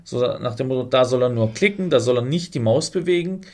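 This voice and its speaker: A man's voice: medium pitch, expressive, fairly quick. A man co-hosting a casual podcast chat, rambling and correcting himself as he explains technical details. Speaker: podcast co-host.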